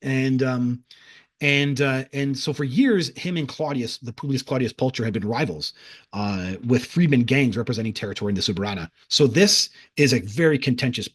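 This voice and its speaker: A man's voice: medium pitch, normal speed, husky. A man casually recounting a vision in a rambling monologue, full of restarts and fillers, sometimes acting out crowd voices. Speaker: speaker recounting a past-life vision.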